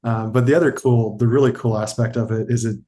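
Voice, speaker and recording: Talking fast in a mellow, medium-pitched voice with fairly even intonation, this man co-hosts a casual podcast interview; French is his first language. His speech rambles and hedges, full of fillers and restarts.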